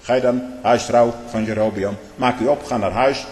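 A man preaching a stern sermon in archaic biblical phrasing. He swings between booming proclamation and low muttered asides, often tagging lines with "hè?" and "hm?". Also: steady tone, moderate pace, a little mellow. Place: church. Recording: echoey reverberant hall.

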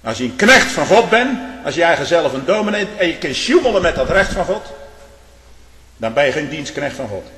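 A fiery male preacher whose voice sits a little high for a man. He drops to low, muttered asides, then climbs into loud, scolding tirades. The sound carries a long, roomy reverb, as if recorded in a big church hall. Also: very animated, brisk. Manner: thundering, rising to loud scolding bursts, rhetorical "hè?" asides. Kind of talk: fiery sermon.

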